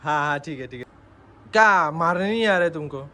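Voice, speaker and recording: A man's voice: a little high, animated, a little fast, background noise. A man hosting a casual family vlog in a playful, teasing way, chatting straight to his viewers. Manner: playful, teasing, keeps addressing viewers as guys. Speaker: vlogger host.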